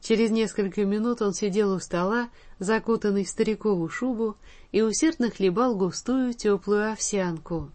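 A woman reads a story aloud as an audiobook narrator. Her delivery is measured and even, at a middling pitch.

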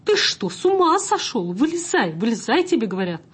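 A woman voicing a bossy young female train conductor who scolds loudly in a story. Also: very animated, moderate pace, slightly rough. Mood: alarmed. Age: young adult. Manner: scolding, shrill.

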